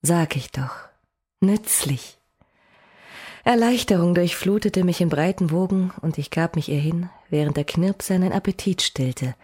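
A woman narrating a first-person fantasy audiobook, expressive with dry, wry asides. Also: lowish voice, a little slow, husky.

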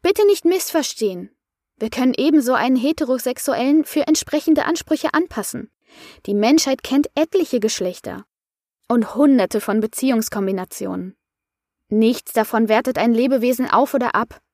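A woman reading an audiobook voices a calm female coach who soothes and explains. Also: a little high, moderate pace, no room sound, clean studio sound, voice pushed up. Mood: lecturing.

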